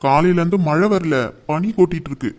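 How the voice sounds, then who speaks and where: A man acting as a calm older brother who gently defends his younger sister. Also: on the high side, fairly quick, noisy background, natural voice. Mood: teasing. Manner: gentle, reasoning.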